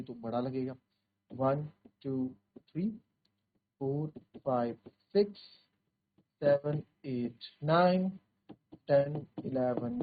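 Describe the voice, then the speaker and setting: A man teaching a maths class in Hindi mixed with English, explaining step by step, counting aloud and asking if things are clear. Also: on the high side, narrow, tinny audio. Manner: voices students' doubts himself and answers them. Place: virtual classroom studio.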